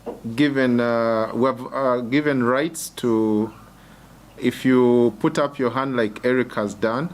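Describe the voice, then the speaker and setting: A man's voice: medium pitch, steady tone, slow, slight background noise. A man facilitating an online workshop over a video call, hesitant and restarting his sentences. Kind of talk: giving instructions on a call.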